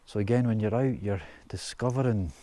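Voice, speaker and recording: Low mellow man outdoors. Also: fairly quick. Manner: chatty, thinking aloud while working. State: out of breath. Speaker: outdoors vlogger. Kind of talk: casual outdoor vlog narration. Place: outdoors in pine woods.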